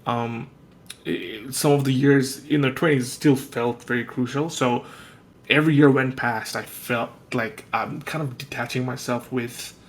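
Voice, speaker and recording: A man's voice: mid-range voice, fairly even intonation, unhurried. A man hosting a podcast, asking loose, musing questions with many fillers in a casual conversation. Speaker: podcast host. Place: lives in Australia.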